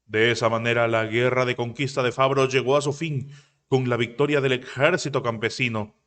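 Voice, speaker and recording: A man narrating a comic story recap, retelling scenes quickly and now and then correcting himself mid-word. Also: mid-range voice, steady tone, a bit bright. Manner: rapid retelling with occasional self-corrections.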